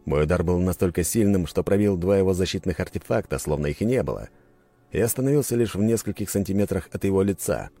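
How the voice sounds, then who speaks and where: A man narrating a first-person story in an expressive storytelling manner. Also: deep voice, fast, faint music behind. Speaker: audiobook narrator.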